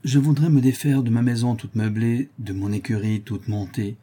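A man's voice: mid-range voice, fairly even intonation, normal speed, dark tone, close to an everyday voice. A man voices a sardonic, insolent young viscount with a dry, ironic, mocking tone.

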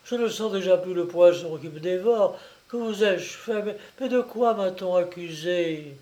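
A man voicing a dying, poisoned old mother, a duchess, crying out and pleading in a high, anguished voice. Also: unhurried, darkish tone.

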